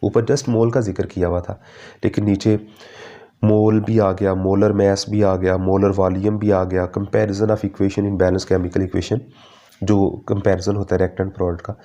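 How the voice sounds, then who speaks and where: Low mellow guy, fatherly chem teacher going through the syllabus, reads english bits slow. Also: flat delivery. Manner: fatherly, calls students "beta", mixes English terms; slows to read English syllabus lines. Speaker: chemistry teacher. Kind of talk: exam-prep syllabus lecture.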